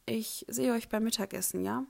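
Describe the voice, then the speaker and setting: A woman voicing an anxious teenage boy at a wizard school, unsure and quietly tense. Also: on the high side, normal speed, vocal fry. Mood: uneasy.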